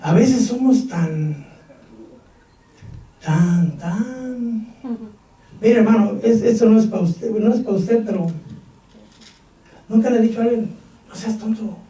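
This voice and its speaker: A man with a Mexican Spanish accent preaches a Pentecostal sermon in a strikingly high voice, now and then shouting and firing questions at the congregation. The sound is echoey, as if caught from across a church hall. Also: slow, long pauses, far from the mic. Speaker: pastor.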